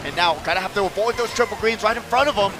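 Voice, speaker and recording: A man giving excited play-by-play esports commentary, with quick, energetic calls and frequent exclamations. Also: high-pitched.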